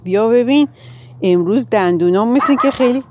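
A woman's voice: on the high side, background noise, lightly acted. Woman playing an eager, boasting rabbit. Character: proud rabbit with strong teeth.

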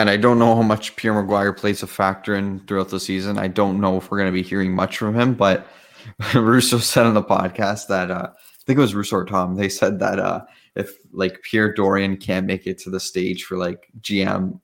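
Young male podcast host, lower voice, relaxed chat, quick to laugh. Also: gravelly. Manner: laughs easily, leads topics. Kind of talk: casual sports chat.

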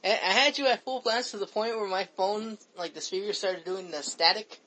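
A man's voice: sits high, brisk, pushed and bright, low-quality recording. A man hosting a casual chat, rambling with frequent stammered restarts. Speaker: host.

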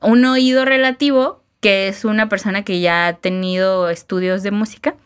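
A woman's voice: mid-range voice, fairly even intonation, normal speed, clear, resonant tone. A woman with a Mexican accent, co-hosting a podcast and patiently explaining music terms with frequent fillers and laughter. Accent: Mexican Spanish. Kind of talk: casual explanatory chat.

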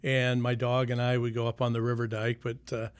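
This man speaks fast in a smooth, medium-pitched monotone, captured dry. He's a retired county sheriff in his sixties from Sioux City, Iowa, chatting as an interview guest about the old days, relaxed and full of trailing fillers.

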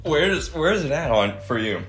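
An easygoing man talks casually while sampling hot peppers, calmly explaining their heat ratings. Faint music sits behind his voice. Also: on the high side, brisk, roomy sound. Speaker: vlog co-host.

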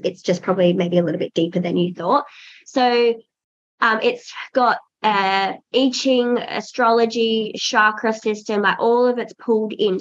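A pregnant woman in her thirties, a podcast guest talking casually, earnest and reflective with many restarts. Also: medium pitch. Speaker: podcast guest, birth doula. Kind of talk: casual interview chat. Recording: dull lo-fi audio.

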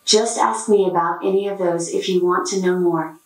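A synthetic female voice of a humanoid robot, giving even, scripted answers. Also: fairly low pitch, normal speed, recorded from a distance. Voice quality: synthetic text-to-speech voice. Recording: roomy echo.

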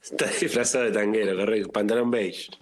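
A man with a Rioplatense Spanish accent, deadpan, telling a personal story in a casual comedic chat. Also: on the low side, brisk. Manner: deadpan, peppered with "viste".

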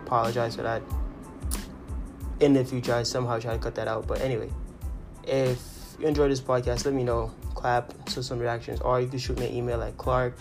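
A man's voice: mid-range voice, level tone, fairly quick, gravelly. A man hosting a solo motivational podcast in an earnest way, repeating phrases, recorded with noisy New York City outside. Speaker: podcast host. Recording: city noise from outside, music behind.

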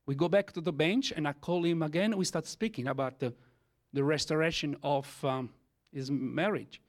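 Speaking English with an Italian accent, this native Italian speaker shares a testimony sermon at church. His delivery is halting and filled with fillers, and his voice is slightly high.

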